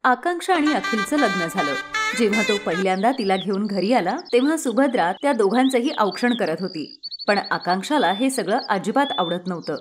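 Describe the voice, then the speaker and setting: A woman narrating a scripted family story in a calm, even way. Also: mid-range voice, a little fast, music in the background.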